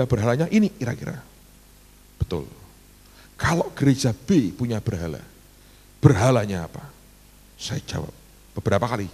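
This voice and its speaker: A man's voice: fairly low pitch, creaky, husky, in a large hall. A middle-aged male pastor, telling a story in a sermon and calling the congregation "saudara". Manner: animated, addresses congregation as "saudara".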